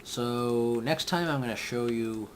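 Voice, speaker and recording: A man's voice: mid-range voice, a little slow, slight background noise. A young man giving casual, rambling gameplay commentary, thinking aloud as he builds and often trailing off mid-thought. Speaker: let's play gamer.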